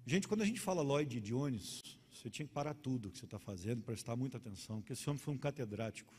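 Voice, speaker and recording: A middle-aged man with a Carioca accent, a pastor preaching a sermon and telling stories with lively, acted-out scenes. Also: mid-range voice, fast, breathy edge. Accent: Carioca Portuguese. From Rio de Janeiro. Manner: animated storytelling, acting out quarrels. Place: church hall. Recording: long church hall reverb.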